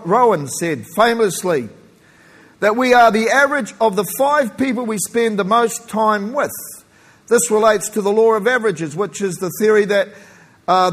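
A man from New Zealand with a New Zealand accent softened by Australian, preaching a sermon in an emphatic, folksy way with joking asides and a husky voice. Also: high voice. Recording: echoey hall with long reverb.

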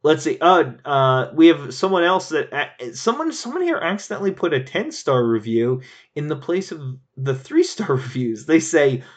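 A man chatting casually as a board game reviewer, animated and laughing, rambling with frequent restarts. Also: fairly high pitch, moderate pace. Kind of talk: casual chat.

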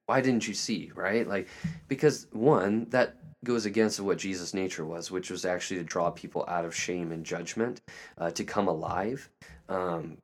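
A man's voice: low-pitched, normal speed. A man hosting a podcast, talking earnestly and reflectively about faith, searching for words with frequent restarts and fillers. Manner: emotional, tearing up at moments. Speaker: podcast host. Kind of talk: reflective spiritual talk.

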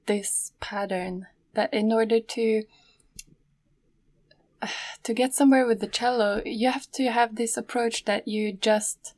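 A woman who teaches cello, hosting a podcast and talking with one of her students in a measured, encouraging way. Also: medium pitch, darkish tone, no echo.

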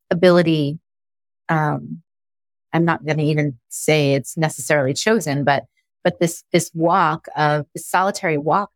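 A woman's voice: sits low, dry recording. A woman hosting an interview, reflective, musing aloud and checking in with "right?" as she talks. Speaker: host. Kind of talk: interview conversation.

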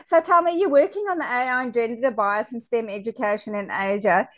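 Brief: female interview host, measured and clear, dry close recording. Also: on the high side, no echo. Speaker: podcast host. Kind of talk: scripted introduction and interview questions.

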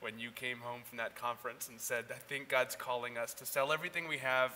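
Bright-voiced pastor in a church hall. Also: male voice, mid-range voice, steady tone, fairly quick, slight background noise. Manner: warm conversational, gently humorous. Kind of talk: sermon and church announcements. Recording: reverberant hall, faint ambience.

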